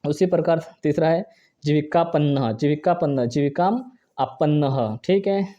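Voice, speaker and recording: A man teaching a Sanskrit grammar lesson, talking fast, repeating each example and asking and answering his own questions. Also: on the high side, dark tone, lo-fi sound. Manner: fast, brisk delivery. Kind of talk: exam-prep grammar lesson.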